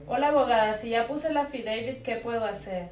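A woman's voice: a little high, brisk, darkish tone. A woman co-host reading viewer questions aloud one after another, in a plain, matter-of-fact way. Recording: echoey room, voice a bit distant from the mic.

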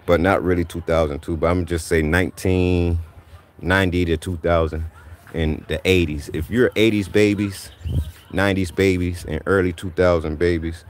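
A laid-back, preachy livestream host in his thirties rambles casually outdoors in a backyard driveway, handing out motivational advice and saying "man" again and again. His low voice keeps a fairly even intonation at a moderate pace, and a little hiss or hum sits under the recording.

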